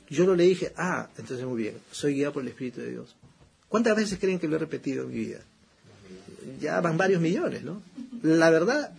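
A pastor preaches a conversational sermon in a voice on the high side, gravelly and a little mellow, with a slight hiss or hum on the audio. He's chatty, repeats phrases, tosses in rhetorical questions and frequent "¿no?" asides, and prays fervently in a slow, emphatic voice.

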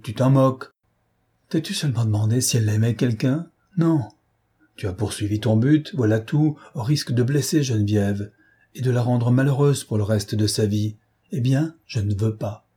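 A man's voice: fairly low pitch, dark tone, husky. A man voicing an anxious, fierce old nursemaid in an audiobook, scolding and protective in manner. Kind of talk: audiobook character voice.

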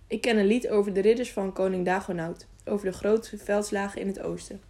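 A woman's voice: mid-range voice, a little fast, natural voice. A woman voicing an eager, curious young mountain boy who asks question after question in a storybook reading. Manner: lively, eager, sometimes whispering excitedly.

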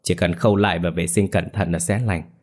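Male narrator playing a matter-of-fact village nurse, low voice, storybook. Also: steady tone, a little fast. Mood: relieved. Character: calm village nurse, reassuring.

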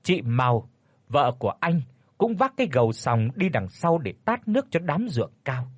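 A man narrating a horror story in a dramatic, expressive storytelling manner. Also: mid-range voice, moderate pace, slightly rough, no echo.

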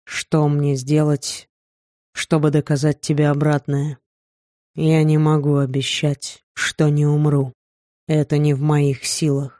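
A woman voicing a young male snow prince, a tender, protective husband, speaking softly and reassuringly. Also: monotone, takes it slowly, no room sound, clean studio sound. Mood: earnest. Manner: soft, low-key, reassuring delivery. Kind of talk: audiobook character voice.

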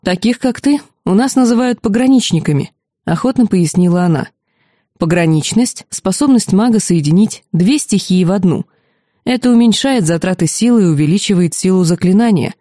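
A quick-witted marquise mentor, eager about magic and snarky toward others, voiced by a woman reading an audiobook. Her tone is mellow and dark, and the recording is dry and close. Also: mid-range voice, expressive, dry recording, natural voice. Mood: explaining. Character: sly, enthusiastic woman mentor, a marquise mage.

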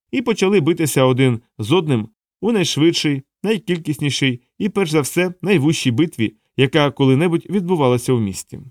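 Steady male audiobook narrator. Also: mid-range voice, no room sound, studio quality. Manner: steady, measured reading. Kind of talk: scripted narration.

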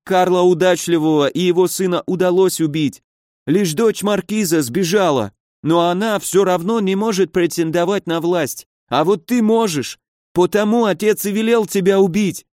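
A man voicing a terrified, cowardly nobleman who shouts in panic. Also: sits high, moderate pace, no room sound, studio quality, voice pushed up, natural voice. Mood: pleading.

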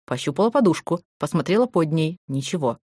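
Fast-paced woman reading a novel. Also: sits low, lively intonation, a little mellow, breathy edge, dry recording, clean studio sound. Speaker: audiobook narrator. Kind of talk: scripted narration.

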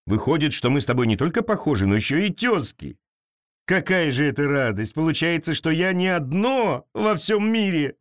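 A man voicing a naive, lonely swamp creature with big paws, talking slowly and with wonder. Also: big pitch swings, no echo, clean studio sound. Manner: slow, wondering, low-pitched.

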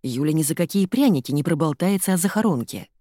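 A woman narrates an audiobook in an expressive, lively way. Her voice sits fairly low, and the recording is close and dry. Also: quick pace, no echo. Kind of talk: scripted narration.

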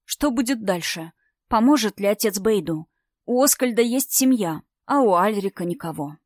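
A woman narrating an audiobook in the first person, steady and expressive. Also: mid-range voice, moderate pace, dry recording, studio quality.

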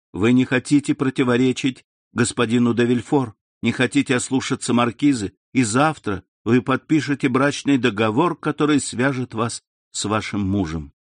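A man's voice: mid-range voice, normal speed, no echo, clean studio sound, lightly acted. A man as a proud desperate young lover. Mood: insistent. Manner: earnest, insistent.

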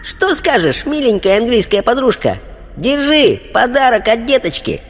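A man's voice: big pitch swings, normal speed, in a large hall, soft background music, full character voice. A man doing a piping little spirit girl. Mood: chatty. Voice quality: very thin high babyish voice. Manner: lisping baby talk, diminutives. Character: spirit of an eight-year-old girl, cheerful, chattering. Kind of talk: audiobook character voice.

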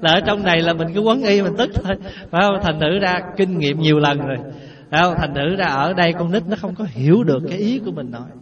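Folksy monk teaching. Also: male voice, on the high side. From Vietnam. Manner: folksy, asks the audience questions. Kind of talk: dharma talk. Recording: muffled distant recording.

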